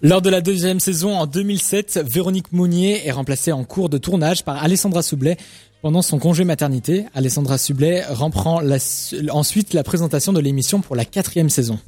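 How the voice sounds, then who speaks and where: A fairly high-voiced man presents a media segment on a small web radio show. He reads his notes in a chatty way, with little jokes and asides to his partner. His tone is relaxed and conversational. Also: fairly quick, dry recording, soft background music. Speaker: radio co-host.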